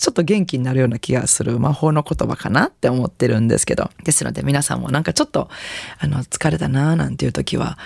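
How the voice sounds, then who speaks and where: A woman radio host and jazz singer with a Kansai accent, chatting in a relaxed, gently encouraging way between songs. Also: low-pitched, creaky, dry recording, studio quality. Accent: Kansai Japanese.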